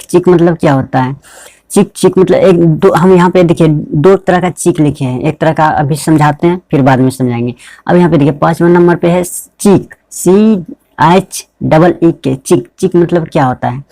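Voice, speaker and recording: In a screen-recorded tutorial, a male English pronunciation teacher speaks in a dark, dry, rather high voice with no echo. He is repetitive, posing questions and then answering them himself.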